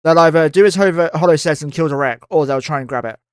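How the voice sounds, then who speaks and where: Male streamer, fairly high voice. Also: quick pace, clean tone, no room sound, studio quality. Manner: casual, thinking aloud, swears freely. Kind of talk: live game commentary.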